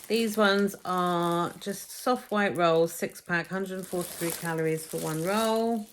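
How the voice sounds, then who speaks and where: A woman's voice: on the low side, slight background noise. A woman chatting to camera in a casual shopping haul vlog, recorded as a phone video while she unpacks her shopping. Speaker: vlogger. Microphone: phone camera, filmed as a phone video.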